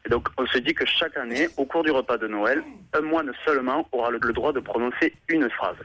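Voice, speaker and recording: Bright-voiced male caller telling a joke. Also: mid-range voice, fairly quick, rough recording.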